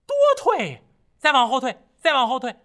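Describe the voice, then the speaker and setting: Sun Wukong, shrill monkey king. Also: very animated, normal speed, full character voice. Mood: eager. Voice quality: high shrill shouting voice. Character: mischievous male monkey king, loud and excited.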